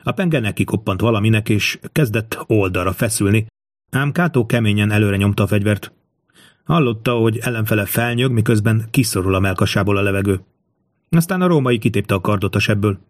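Low-voiced man reading an audiobook. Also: no room sound, clean studio sound. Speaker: audiobook narrator. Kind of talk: scripted audiobook narration.

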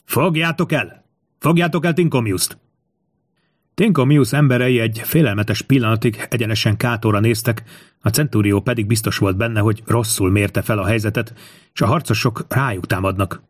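A man narrating a historical adventure audiobook in a steady storytelling manner. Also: fairly low pitch, slightly rough, no echo, studio quality. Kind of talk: scripted narration.

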